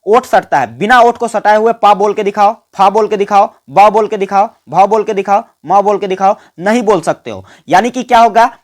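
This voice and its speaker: A man's voice: high-pitched, moderate pace, hardly any pauses. A man teaching an exam-prep grammar lesson. He keeps asking the listeners questions, answers them himself, and has them repeat sounds along with him. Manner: quizzes listeners and answers his own questions.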